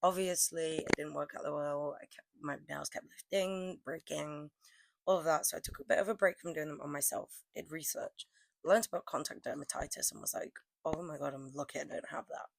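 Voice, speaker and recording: Speaking briskly in a low, hoarse, croaky voice, a young woman fighting a cold narrates her press-on nail work for a chatty vlog. She rambles casually and leans on plenty of fillers, and there's no room sound.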